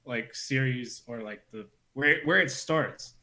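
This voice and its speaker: A man in casual podcast chat about games. He circles around his point with lots of fillers and restarts. His voice sits at an ordinary middle pitch. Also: a little slow, sharp tone. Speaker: podcast co-host.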